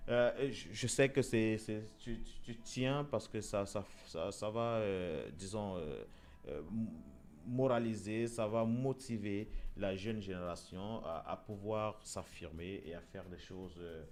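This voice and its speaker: Hosting a casual talk show in Europe, this man speaks unhurriedly in a fairly low, slightly mellow voice. His delivery is hesitant and full of fillers and repeated words.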